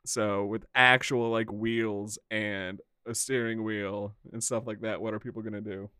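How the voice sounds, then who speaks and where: A man's voice: lowish voice, little pitch movement, a little slow, bright, forceful tone, clear, resonant tone, no echo, studio quality. A man co-hosting a casual gaming podcast, eagerly explaining game features at length. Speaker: podcast co-host. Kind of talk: casual chat.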